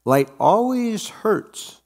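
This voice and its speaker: A preacher voicing a soft, patient stranger. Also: male voice, high voice, big pitch swings, pitched above the performer's own voice, full character voice. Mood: gentle. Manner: soft, slow and reassuring. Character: calm gentle male stranger, a fire builder. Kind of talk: sermon storytelling.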